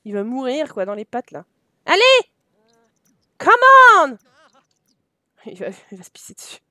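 A Frenchwoman livestreams a life-sim game, chatting with her viewers and speaking affectionately to her characters, now and then slipping into halting, French-accented English. Her voice sits in the mid range and sounds mellow, and the recording is dry.

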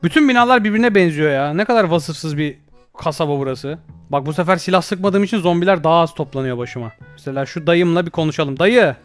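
A man's voice: fairly high pitch, quick pace, faint music behind. A young man doing jokey let's play commentary, panicking, yelping for help and joking at the game. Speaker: gaming YouTuber.

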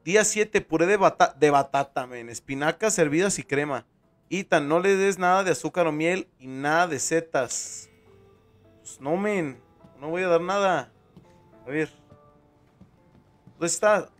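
A man's voice: a little high, measured pace, pauses often, faint music behind. A young man with a Mexican Spanish accent, commentating his horror gameplay in slangy, joking casual talk. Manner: joking, slangy, tags lines with "men". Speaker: streamer playing a horror game.

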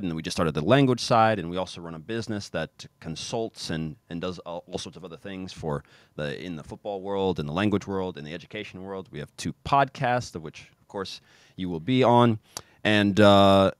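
A low-voiced American man in his thirties from Kansas City, a pro soccer player, guests on a casual podcast interview over video call, speaking into a boom-arm studio mic in a home room with football shirts on the wall. His tone is clear and resonant, the recording dry with no room sound. He's lively and energetic, full of fillers and restarts.

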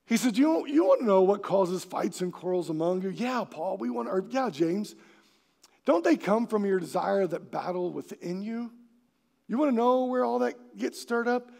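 Animated high-voiced male pastor preaching. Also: moderate pace, gravelly. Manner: animated, acts out quoted voices and shouts for emphasis. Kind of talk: sermon. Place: church sanctuary.

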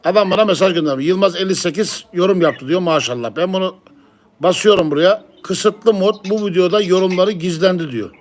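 A man who owns a pigeon live-stream channel talks casually, explaining things step by step and frequently repeating himself. His voice sits high and his pace is brisk.

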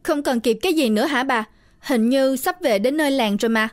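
A woman's voice: sits high, brisk, natural voice. Woman voicing an innocent ten-year-old boy. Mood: innocent pleading.

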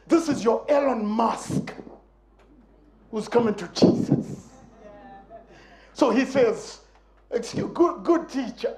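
A male guest preacher gives a lively, playful sermon and acts out the people in his story. His voice sits fairly high. It carries through a reverberant church sanctuary. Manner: animated, playful, acts out quotes, bursts of emphasis.

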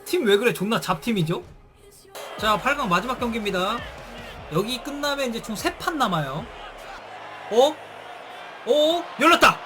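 A man giving excited live commentary on a football video game, with shouted bursts at big plays and casual slang. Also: high voice, a little fast. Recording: stream with game music and crowd noise.

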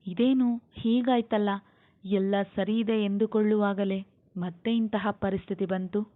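A woman's voice: medium pitch, steady tone, measured pace, close to an everyday voice. A woman voicing a tearful, hesitant young woman who speaks anxiously. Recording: tinny phone-like sound.

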